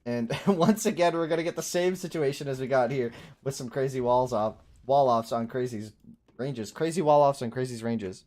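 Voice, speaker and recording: A man's voice: medium pitch, moderate pace, a little mellow. A man casting a live strategy game match, chatty, laughing easily and talking to his chat. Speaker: esports commentator.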